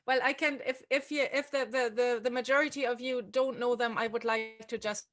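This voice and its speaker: A woman's voice: a little high, fairly even intonation, fairly quick, a bit bright. A woman hosting an online music-teaching webinar, chatting casually with many fillers and restarts over a video call. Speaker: webinar host and music tutor.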